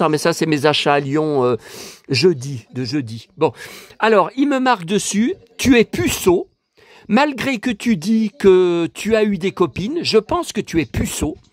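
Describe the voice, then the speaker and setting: In this laid-back home vlog, a male YouTuber speaks right to his audience, sounding indignant and meandering, full of fillers and false starts. His pitch is high with big swings, his pace unhurried, and there's vocal fry. The audio is close-miked and dry, without any room reverb.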